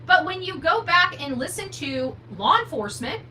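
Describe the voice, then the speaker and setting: Her voice is extremely high, animated, bright and forceful at a moderate pace. She's hosting a true crime livestream, responding to viewer comments off the cuff in a blunt, opinionated, emphatic manner and asking rhetorical questions, over noticeable background noise with hum.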